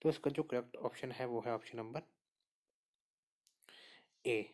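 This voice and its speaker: A man's voice: medium pitch, measured pace. Man steadily explaining quiz answers. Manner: steady explainer, repeats answers and says "okay" often. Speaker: exam prep teacher. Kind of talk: spoken lesson walking through quiz answers.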